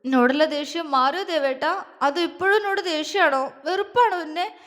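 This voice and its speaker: A woman's voice: sits high, normal speed, fairly bright tone, long reverb tail, pitched above the performer's own voice. Woman doing a sobbing young wife. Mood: tearful. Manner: sobbing, pleading. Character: tearful young wife, clinging and pleading.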